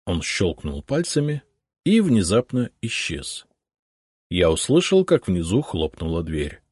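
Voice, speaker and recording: A man reads a first-person story aloud in a low, husky voice. His delivery is steady yet varied in pitch, and the recording is dry with no room sound. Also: unhurried, dry recording. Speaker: audiobook narrator. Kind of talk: scripted first-person narration.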